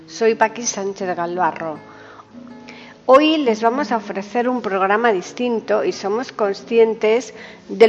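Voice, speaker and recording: A woman hosting a poetry programme, reading a scripted introduction in a formal, deliberate and carefully phrased way. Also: medium pitch. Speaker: podcast host and presenter. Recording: dull sound, long hall reverb, guitar music behind. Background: soft guitar music.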